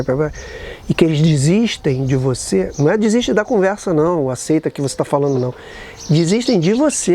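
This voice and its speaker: A man reflecting aloud in a casual, animated way, with many restarts and tag questions. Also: a little high, slight background noise. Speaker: vlogger sharing recovery reflections.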